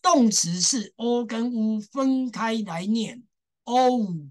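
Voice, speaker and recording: A woman's voice: on the high side, slow pace. A woman teaching a language class, patiently drilling sounds, repeating syllables and stressing the exceptions to her students. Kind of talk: classroom lesson.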